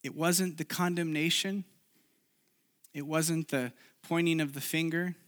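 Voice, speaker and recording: A man's voice: a little high, fairly even intonation, measured pace, fairly bright tone. A man who grew up in Chile, preaching a sermon and sharing his own story in an earnest, confessional way with frequent restarts. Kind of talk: sermon with personal testimony.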